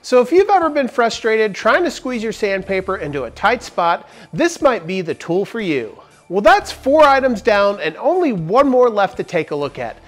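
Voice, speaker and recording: A man's voice: high voice, very animated, normal speed, hardly any pauses. A man in his forties hosting a casual woodworking tool review from a large barn workshop, talking into a lapel mic in an upbeat, jokey, explanatory way. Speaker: woodworking channel host.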